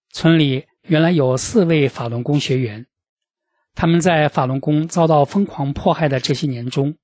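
A man with a fairly high, husky voice reads out a report in a measured news style. The recording is dry and close. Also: a little mellow, dry recording. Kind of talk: scripted narration of a submitted report.

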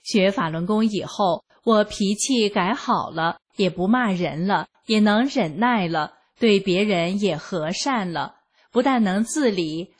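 Slow, breathy woman reading a testimony. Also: medium pitch. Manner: slow, measured, earnest reading. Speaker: reader of a personal testimony. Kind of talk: scripted first-person narration.

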